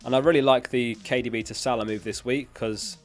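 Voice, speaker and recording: A livestream host chats casually, reading out and answering viewer questions in a matter-of-fact way while his voice begins to give out from illness. He has a medium pitch, fairly even intonation and a fairly quick pace, on a close dynamic studio mic with soft background music.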